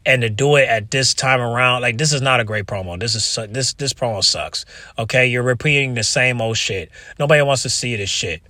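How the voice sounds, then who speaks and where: A man with a bright, tense voice at a middling pitch records an opinionated rant in a very dry space. He sounds exasperated and talks casually to his viewers, repeating himself, restarting phrases and swearing freely. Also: no room sound. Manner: exasperated, repetitive, halting restarts. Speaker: wrestling commentary video creator.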